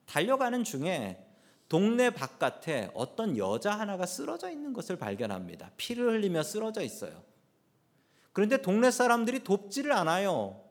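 A male pastor delivers a sermon in a storyteller's way, with a fairly high voice. His pitch swings widely as he builds toward emphatic points and then drops back down. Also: huge pitch swings, normal speed. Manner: storytelling preacher, rising and falling emphatically.

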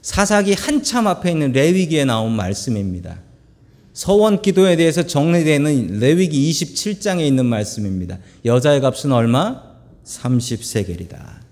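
A middle-aged man preaching a sermon, telling stories with humorous asides in an animated way, recorded in a church sanctuary. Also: on the high side, normal speed. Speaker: pastor. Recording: long church hall reverb.

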